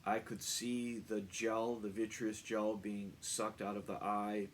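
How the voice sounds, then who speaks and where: A man giving a personal vlog account as a patient, explaining plainly and matter-of-factly in short, measured phrases with pauses. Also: on the low side, flat delivery, a little hiss or hum. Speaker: patient recounting own eye surgery.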